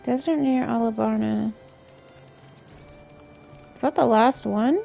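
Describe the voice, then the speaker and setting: A woman's voice: on the high side, takes it slowly, gravelly, dark tone, faint music behind. A young woman streamer giving casual gameplay commentary, thinking aloud with hesitant fillers.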